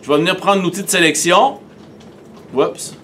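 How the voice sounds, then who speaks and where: A man with a Québécois accent, teaching a software tutorial and talking methodically through each step on screen. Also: high-pitched, moderate pace, a little hiss or hum.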